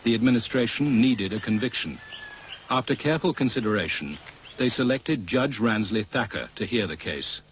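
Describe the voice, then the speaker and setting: A man's voice: on the low side, animated, a little hiss or hum, low-quality recording. Serious male documentary narrator. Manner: measured, serious.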